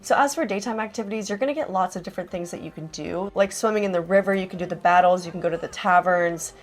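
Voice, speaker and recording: A woman's voice: on the low side, quick pace. A young adult woman narrating a casual vlog in a chatty, enthusiastic way, with lots of "like". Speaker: vlogger host.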